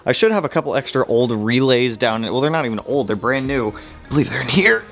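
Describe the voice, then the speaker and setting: A man casually narrating his car build, chatty and relaxed, with slangy shop talk and frequent "uh"s, working in a garage. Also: medium pitch, fairly quick, faint music behind.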